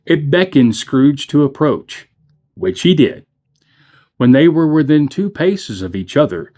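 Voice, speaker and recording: Brief: adult man, mid-pitched, reads a classic story aloud, measured and dramatic. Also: a little mellow. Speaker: church reader.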